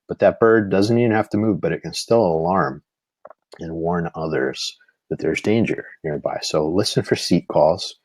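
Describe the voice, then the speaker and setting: A man's voice: low-pitched, no room sound. A man giving a live-streamed lesson on bird behavior, explaining patiently with frequent "you know" fillers. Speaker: nature instructor.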